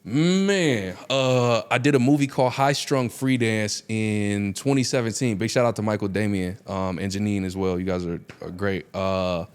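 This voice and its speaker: A man with a fairly low voice chats as a podcast guest. He tells stories in a loose, slangy way and acts out what people said. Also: moderate pace, few pauses, clear, resonant tone. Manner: slangy, animated quoting of himself and others. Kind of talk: casual conversational storytelling.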